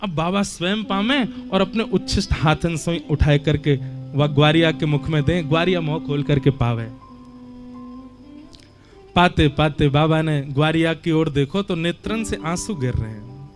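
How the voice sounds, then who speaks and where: A man's voice: on the high side, unhurried, faint music behind. A man with a Braj accent telling a devotional story as a preacher, in an emotive, chanting storyteller's manner.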